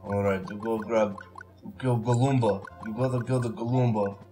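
A man's voice: on the low side, steady tone, normal speed, music in the background. Congested man coaching a game. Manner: rambling, coaching the player. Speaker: host. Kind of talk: casual gameplay commentary.

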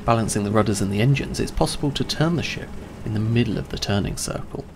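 A man giving a scripted, clear and measured explainer narration about handling ships. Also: on the low side, noisy background. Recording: voice-over with faint music behind.

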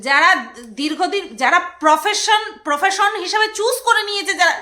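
A woman's voice: very high voice, brisk, pushed and bright. A woman vlogger giving casual, mocking and sarcastic commentary.

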